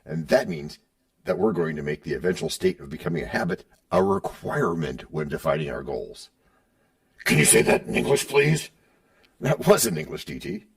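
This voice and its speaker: A man's voice: low-pitched, wildly swooping pitch, normal speed, gravelly, breathy edge. A middle-aged man hosting a podcast, playfully bantering with himself in a scripted back-and-forth, recorded on a distant mic. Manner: playful, switching between his own voice and a sidekick. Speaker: podcast host.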